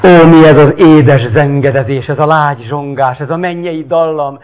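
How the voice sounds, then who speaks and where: A man's voice: on the high side, pitched above the performer's own voice, lightly acted. A man voicing an enraptured healed blind man. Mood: rapturous. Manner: awed, rapturous exclamations. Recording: tinny phone-like sound.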